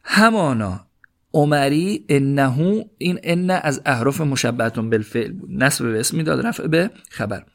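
Gravelly man parsing grammar line by line. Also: medium pitch, animated, a bit bright. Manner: reads an Arabic phrase slowly, then explains its grammar in quick colloquial speech. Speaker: Arabic grammar teacher. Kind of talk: line-by-line Arabic text parsing lesson in Persian.

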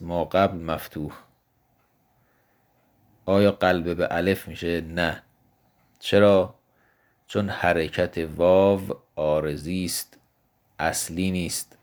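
Deep-voiced man teaching grammar. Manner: patient, explanatory, asks and answers his own questions; slows down to spell out example words. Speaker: teacher of Arabic morphology. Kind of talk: recorded grammar lesson.

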